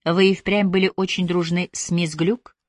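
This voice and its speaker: A woman reading an audiobook voices a reserved male police detective, quiet and measured. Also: fairly low pitch, little pitch movement, no room sound, close to an everyday voice. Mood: restrained.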